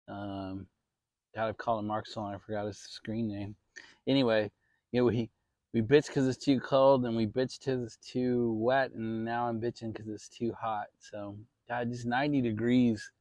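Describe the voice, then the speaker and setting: A man's voice: lowish voice, a little mellow, dry recording. An American man giving a casual, rambling, mildly salty chat to his viewers from his backyard outdoors. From Maryland, United States. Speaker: vlog host.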